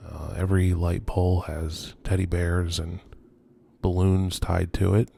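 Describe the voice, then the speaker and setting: Deep, a bit slow and mellow, this man's voice has vocal fry and stays fairly level in pitch. He hosts an unscripted night tour of abandoned row houses as an urban explorer, sounding subdued and hesitant with trailing, musing phrases. Ambient noise fills the recording.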